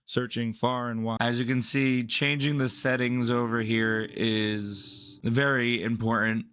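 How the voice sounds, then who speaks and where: A man's voice: mid-range voice, fairly bright tone. A man hosting a tech video, talking through a screen-recording tutorial in a casual, rambling, explanatory way.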